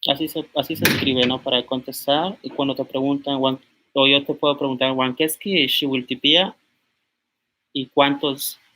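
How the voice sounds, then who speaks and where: A young man in his twenties, from Mexico, giving an informal language lesson and slowly repeating words as he writes them out. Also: mid-range voice, fairly even intonation, pushed and bright, slight background noise. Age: 20s. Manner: slow, repeats words aloud while writing on a board. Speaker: language teacher.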